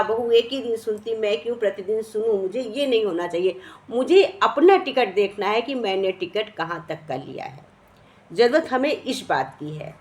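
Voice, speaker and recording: A woman giving a devotional sermon in Hindi, teaching through a parable whose characters she voices in turn. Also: on the high side. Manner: retells a parable, voicing each character. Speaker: devotional speaker.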